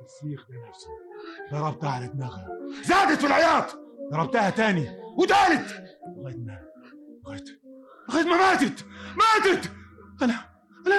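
An actor with an Egyptian accent playing an unhinged young man raving about a killing, stammering and swinging between murmurs and shouts in vintage radio drama style. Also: very high voice, full character voice. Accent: Egyptian Arabic.

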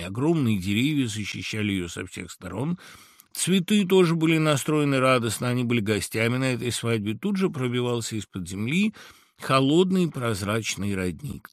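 Expressive male storyteller, bright and dry. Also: mid-range voice, no echo. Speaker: narrator. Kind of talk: audiobook fairy-tale narration. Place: recording studio.

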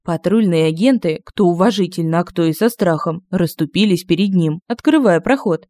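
A woman reading a humorous fantasy audiobook in an even, measured way. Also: lowish voice, no echo, studio quality. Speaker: audiobook narrator.

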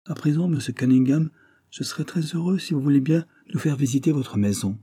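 A man reading an audiobook, voicing a sharp, commanding detective who speaks briskly and insistently. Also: a little high, animated, slightly rough, no echo, clean studio sound, pitched above the performer's own voice. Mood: polite insistence. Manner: brisk, insistent, quick to exclaim. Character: sharp, commanding male detective, middle-aged.

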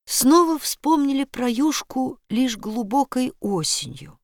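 Woman narrating a storybook, measured. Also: high voice, big pitch swings, no room sound, studio quality. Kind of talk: audiobook narration.

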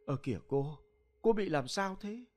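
A man's voice: sits high, lively intonation, moderate pace, pitched above the performer's own voice. A man voicing a caring young niece who soothes her frightened aunt and plans what to do. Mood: soothing. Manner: soothing, practical.

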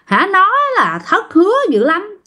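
A woman's voice: a little high, animated, normal speed, fairly bright tone. A woman voicing the spirit of a dead young man who speaks through a living relative and scolds harshly. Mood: angry scolding.

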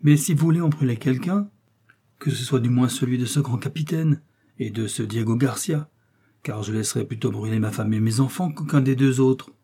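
A stubborn, blustering innkeeper, as a man reads him in an audiobook, who defends his books of knights with gusto. Dark, husky tone throughout. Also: medium pitch, normal speed. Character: stubborn old innkeeper in love with chivalry books. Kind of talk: audiobook reading.

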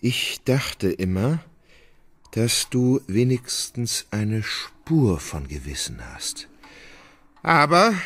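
A slow, soft-spoken nobleman. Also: medium pitch, no room sound, full character voice. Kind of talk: radio play acting.

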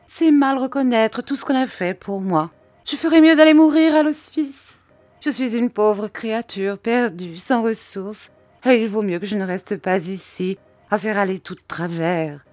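A woman's voice: mid-range voice, a little slow, darkish tone, dry recording, voice pushed up, natural voice. A woman voicing a gloomy, self-pitying old widow who whines and complains tearfully. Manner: plaintive, whining.

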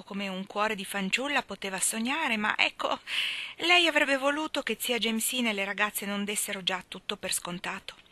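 A woman narrating an audiobook of a novel in a measured, even storytelling manner. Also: medium pitch. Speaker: audiobook reader.

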